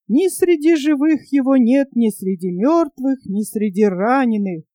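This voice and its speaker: A woman's voice: a little high, warm tone, dry recording. A woman voicing a bold, dreaming young pioneer boy in a storybook reading, rousing and mocking by turns.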